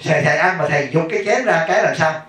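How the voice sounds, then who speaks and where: A man's voice: a little high, expressive, very fast, a bit bright. Man, echoey room. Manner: chatty storytelling, laughs often, asks the audience questions. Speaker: Buddhist monk teacher. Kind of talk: dharma talk to a lay audience. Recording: echoey room, mic far off.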